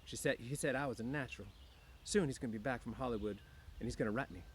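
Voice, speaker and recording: A man with a medium-pitched voice speaks quickly, lightly acting as he voices a young, dreamy, discontented small-town wife in an audiobook. Her speech rambles and is full of slang, and the mood comes across as both boastful and wistful. There's slight background noise.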